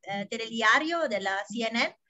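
Class moderator, woman, bright and fairly high voice, hesitant phrasing. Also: animated, moderate pace, highs cut off. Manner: hesitant, searching for words.

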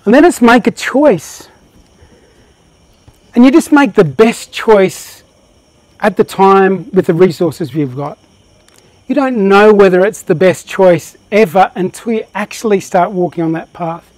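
A male workshop presenter leads a live motivational session with real passion and plenty of energy. His voice is high for a man, with a darkish tone and an unhurried pace. The sound is dry and close, with no room echo.

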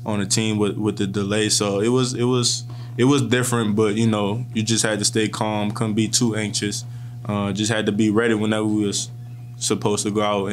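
Post-game, a college football player in his twenties sits at a press table before a sponsor backdrop and answers questions into the microphones in front of him. A faint hum runs underneath. His voice is fairly low and flat, calm and measured, with many restarts.

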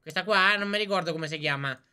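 A man's voice: sits high, quick pace, bright, forceful tone, clear, resonant tone. A man with a Roman Italian accent, streaming a role-play game and joking with other players, repeating words in playful bursts. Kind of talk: casual role-play banter.

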